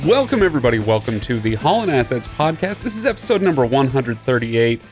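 A man's voice: mid-range voice, sing-song, quick pace, over music. A man hosting a podcast, chatting casually and joking with his co-host. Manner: joking, easygoing banter.

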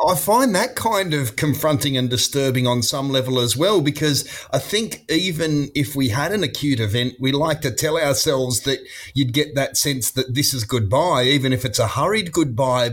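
A male host who asks long, well-phrased questions. He speaks plainly and fluently, with an even, mid-pitched voice. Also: normal speed, few pauses. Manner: articulate, plain-spoken, wordy. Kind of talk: interviewer questions.

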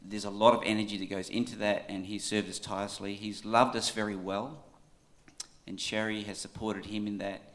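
An Australian man giving an informal church tribute in a halting, conversational way, often checking in with his listeners. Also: on the low side, little pitch movement, fairly bright tone.

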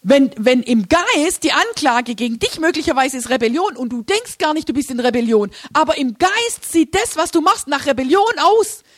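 A woman leads a church workshop in a loose, chatty way, laughing as she explains her slides. Her voice sits a little high. The sound is dry and close, with no room echo. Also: expressive, normal speed, few pauses. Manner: chatty, informal, laughs often, many restarts. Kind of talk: casual teaching talk with slides.

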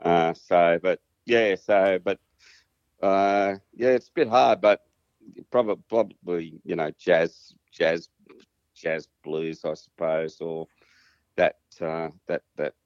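Low-pitched Australian man, hesitant and casual. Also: fairly even intonation, slow, darkish tone. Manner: hesitant, rambling, self-deprecating. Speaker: interview guest, musician and singer. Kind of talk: casual conversational interview. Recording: muffled, roomy sound.

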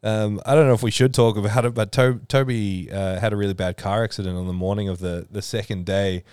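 A man's voice: lowish voice, brisk, clean tone, no echo, studio quality. A man hosting a podcast, chatting casually with many fillers. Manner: relaxed, explains at length with many fillers. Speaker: podcast host, powerlifting organiser. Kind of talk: casual chat.

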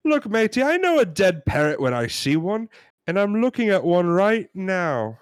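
Man putting on a shrill indignant British customer. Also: big pitch swings, moderate pace, clean tone, no echo, studio quality. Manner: high-pitched, loud, exasperated. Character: indignant English male customer with a dead parrot.

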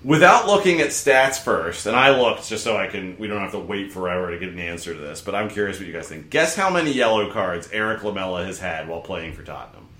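Deep bright-voiced man, SoCal surfer accent, roomy. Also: animated, fast, few pauses. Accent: Southern California surfer. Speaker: podcast host. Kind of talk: casual sports podcast chat.

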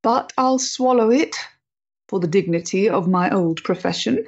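In a period stage drama, an actress plays a proud, emotionally fragile woman of the 1890s who is in love, speaking in a measured, theatrical way. Her mood is wry and proud, and her medium-pitched voice has a breathy edge. The audio sounds dull.

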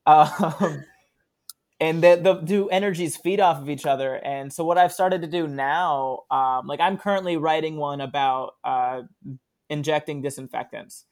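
A man's voice: a little high, measured pace. Laughing man telling comedy stories. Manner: laughs often, relaxed storytelling with fillers. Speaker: guest, sketch comedian. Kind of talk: casual interview chat.

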